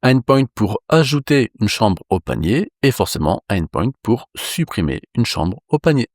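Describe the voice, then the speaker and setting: A man from France teaching a coding lesson in a relaxed, reassuring way with casual fillers. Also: lowish voice, normal speed, no room sound, clean studio sound. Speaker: programming instructor.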